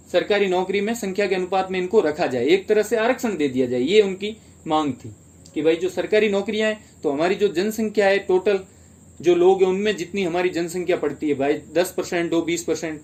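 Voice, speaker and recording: A man's voice: high-pitched, a little mellow. A man teaching a history lesson for exam prep in Hindi, explaining step by step and asking and answering his own questions.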